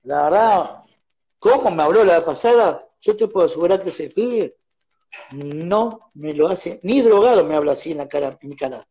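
A man with an Argentine accent, a musician guest speaking in a casual radio interview, telling his stories with animated acted-out exchanges. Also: a little high, normal speed, dull audio. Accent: Argentine Spanish. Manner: animated storyteller acting out phone quarrels. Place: radio studio.

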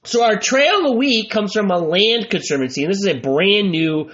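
A man's voice: high voice, lively intonation, normal speed, fairly bright tone. An American man with a muffled, stuffy-nosed voice from allergies, hosting a solo podcast in a chatty, folksy, informal way. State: congested from allergies. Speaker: podcast host. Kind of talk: casual solo podcast talk. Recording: dull, muffled lo-fi podcast audio.

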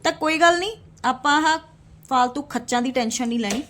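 A woman's voice: high-pitched, brisk, a bit bright. A woman in her thirties talking straight to camera in a casual roast vlog, scornful and indignant, calling her viewers brothers and sisters. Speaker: vlogger.

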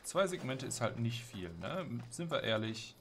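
A man's voice: medium pitch, sing-song, moderate pace. A man giving casual, playful, slangy gameplay commentary, often talking to himself and the game. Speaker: let's player. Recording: clear background game noise. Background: game ambience.

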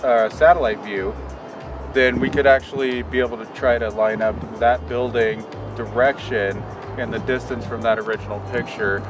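A man's voice: mid-range voice, steady tone, normal speed. Man, exploration vlog co-host, rambling and thoughtful, recorded outdoors at a distance over background music. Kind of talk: casual on-location explaining. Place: outdoors on a residential street.

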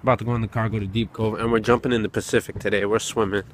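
A man's voice: on the low side, level tone, very fast. A young man chats casually and slangily as a vlogger, filming himself at arm's length. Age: young adult. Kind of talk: casual vlog chat with slang. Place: handheld camera in a car and outdoors. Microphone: camera at arm's length. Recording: music and car noise behind.

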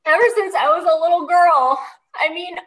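An actress playing a scheming housekeeper and thief, grumbling and sarcastic, over a video call. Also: female voice, extremely high pitch, moderate pace, reverberant, far from the mic, poor audio.

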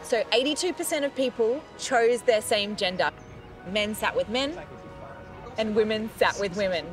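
A woman's voice: fairly high pitch, moderate pace, poor audio. A woman, presenting a science documentary and interviewing volunteers in a friendly, upbeat way, outdoors and on a bus. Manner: upbeat, friendly, clear explanations. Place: outdoors by a beach and inside a parked bus. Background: background music.

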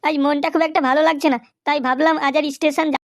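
A woman's voice: high voice, steady tone, fast. A woman voicing a downcast, joking poor male hawker in a cartoon, speaking wearily. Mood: weary. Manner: weary, sighing, repeats 'বুঝলে'. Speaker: cartoon voice actor.

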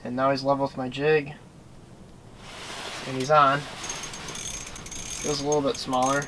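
A man's voice: mid-range voice, level tone, measured pace, fairly bright tone, rough recording. Young man, fishing how-to vlog, chatty explaining, small ice shelter, camera mic, light background noise. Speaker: fishing vlogger. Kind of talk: casual how-to commentary. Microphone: camera-mounted shotgun mic with windscreen.

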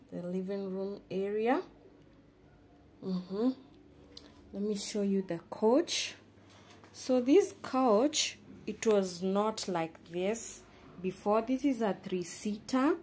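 A woman's voice: medium pitch, drawn-out words, pauses often, darkish tone, a little hiss or hum. A young Kenyan woman giving a casual tour of her small studio apartment, chatting with many fillers while filming on her phone. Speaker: vlogger. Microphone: handheld phone camera, speaker off screen.

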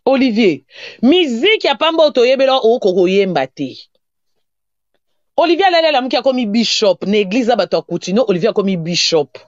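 A woman's voice: a little high, sing-song, fairly quick, no room sound. A woman commentator who lectures and scolds in a casual online talk. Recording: dull muffled recording.

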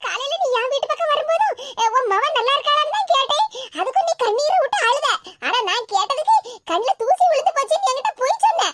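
A woman voicing a nosy, caring old village woman in an animated cartoon, with a Tirunelveli Tamil accent and a loud, pestering way of calling out. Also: very high voice, quick pace, no room sound, heavily acted. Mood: pressing.

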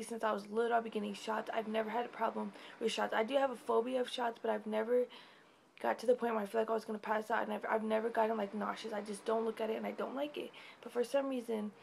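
A woman's voice: fairly high pitch, vocal fry, a little hiss or hum. Tired, chatty young woman vlogging. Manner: chatty, rambling, many fillers. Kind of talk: casual pregnancy update vlog.

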